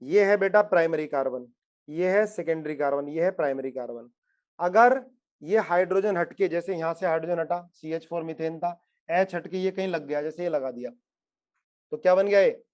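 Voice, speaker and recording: A man's voice: on the high side, moderate pace, darkish tone. A man teaching a chemistry lesson, asking his students questions again and again and coaxing them to answer. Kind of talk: classroom lecture.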